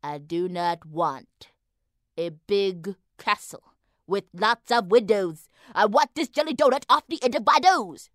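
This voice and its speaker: A woman voicing a stubborn, greedy wife in a folk tale, dropping to a hushed whisper when she dreams of treats. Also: medium pitch, animated, normal speed, no room sound, clean studio sound, lightly acted.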